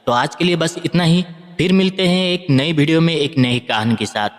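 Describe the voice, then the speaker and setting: A man's voice: a little high, normal speed. A man narrating a moral story in an earnest way, addressing listeners as friends, with a long hall reverb on the recording.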